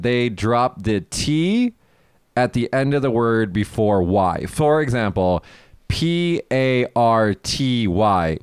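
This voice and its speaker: Lively-voiced man chatting as co-host. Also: mid-range voice, smooth, no echo, clean studio sound. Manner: explains to listeners, laughs often. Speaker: podcast co-host. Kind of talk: casual chat.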